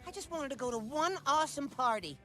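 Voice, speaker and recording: A voice actor playing an eager, dramatic nerdy teenage boy in an animated sitcom. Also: sits high, fairly quick, faint music behind. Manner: excitable, theatrical outbursts. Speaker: cartoon character.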